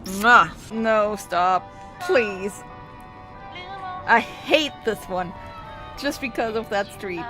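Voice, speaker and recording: A woman's voice: mid-range voice, extremely slow, long pauses, over music. A woman streaming a video game with casual, chatty commentary, swearing and laughing as she talks.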